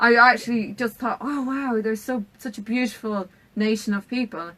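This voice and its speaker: A woman's voice: a little high, steady tone, moderate pace, fairly bright tone, rough recording. An Irish woman hosting a studio interview, effusive and chatty, laughing often. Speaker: radio host. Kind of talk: casual interview chat.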